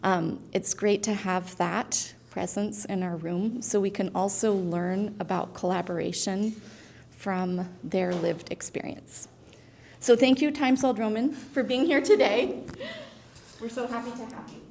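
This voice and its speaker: A woman teacher introduces the guests to her class. She speaks very slowly and deliberately, in a formal tone, with faint room noise behind her. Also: mid-range voice, fairly even intonation, creaky, darkish tone. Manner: slow and deliberate.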